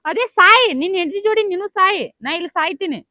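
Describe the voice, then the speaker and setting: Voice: very high voice, lively intonation, fast, pushed and bright, no echo, exaggerated voice. A performer playing a heartbroken young woman in a comedy skit, sulky and stubborn, with a North Karnataka Kannada accent. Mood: despairing. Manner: sulky, stubborn, repeats herself.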